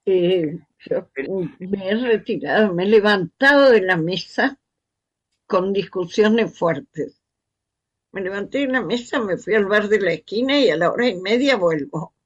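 A husky, breathy voice reading a book aloud at an unhurried, deliberate pace. The host pauses over each phrase and drops in casual remarks between passages. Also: mid-range voice, lively intonation, muffled recording. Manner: slow, measured reading with casual asides.

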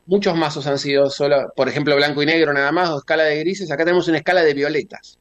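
A man's voice: a little high, steady tone, fast, fairly bright tone. A man with a Rioplatense accent hosting a casual video call interview, curious and describing what he sees. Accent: Rioplatense Spanish. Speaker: interviewer host.

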